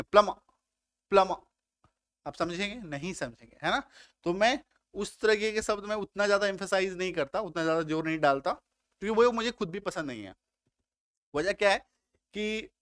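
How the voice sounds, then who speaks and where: A man teaching English grammar in Hindi, patient and repetitive, often asking if it is clear, a little unwell with a slight cough. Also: high voice, a bit bright, no echo. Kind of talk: Hindi-medium spoken English grammar lesson.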